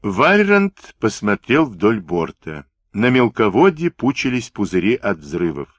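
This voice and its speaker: A man narrating a book in an expressive, dramatic storytelling manner on a close mic. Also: fairly low pitch, measured pace, no room sound. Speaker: audiobook narrator.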